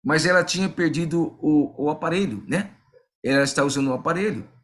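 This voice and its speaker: High-voiced earnest man preaching. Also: a little fast, fairly bright tone. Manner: earnest, repeats phrases, addresses listeners as "queridos". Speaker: pastor. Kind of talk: sermon with personal story.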